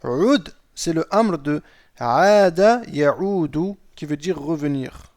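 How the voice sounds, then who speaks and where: A man with a fairly high voice teaches Arabic grammar at an unhurried pace. He reads example sentences aloud and translates them. He walks through each step patiently and keeps checking that his students follow. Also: expressive, a little mellow. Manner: patient, explains step by step, often asks "d'accord?". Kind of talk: recorded lesson explaining Arabic grammar.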